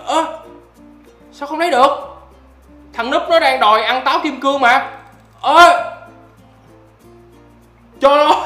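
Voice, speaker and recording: A man doing excitable gameplay commentary as a YouTuber, often breaking into loud exclamations. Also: high voice, echoey room. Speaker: gaming YouTuber.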